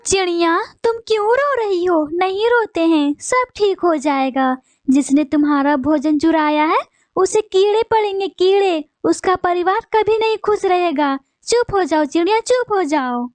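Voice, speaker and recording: A woman's voice: very high voice, a little slow, dry recording, voice pushed up. A woman voicing a kind female bird in a cartoon who soothes a crying friend. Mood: consoling. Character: kindly consoling female bird.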